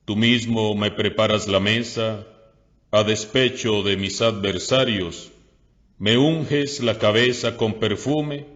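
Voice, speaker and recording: A Costa Rican priest reading scripture aloud in a slow, measured way, then preaching a homily. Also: male voice, fairly low pitch, fairly bright tone. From Costa Rica. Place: parish church. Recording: dull lo-fi audio with long church reverb.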